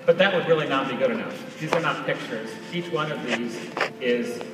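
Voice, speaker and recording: Speaking at normal speed over loud music, a medium-pitched man presents an app in a live stage product demonstration, conversational and explanatory in tone. He sounds distant and echoey, recorded by a camera far out in a large auditorium's audience catching the PA, with crowd noise throughout.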